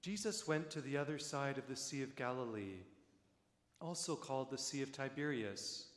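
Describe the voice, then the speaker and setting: A man reading the Gospel aloud as a priest during a church service, solemn and measured, with a cathedral echo around his voice. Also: mid-range voice, expressive. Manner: slow, measured, deliberate phrasing. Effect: cathedral echo with long reverb. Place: large church. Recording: echoey church with long reverb.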